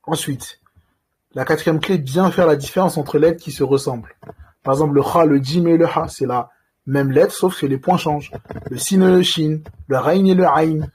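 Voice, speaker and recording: A man teaching reading in a recorded lesson, patiently walking through each point and slowly stretching out sounds to model how they are said. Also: fairly high pitch, a little mellow, slight background noise.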